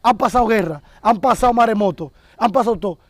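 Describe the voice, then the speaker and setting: A man preaches conversationally, retelling scripture as a story to his co-host. His voice is unusually high for a man, and the sound is dry and close. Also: quick pace, dry recording.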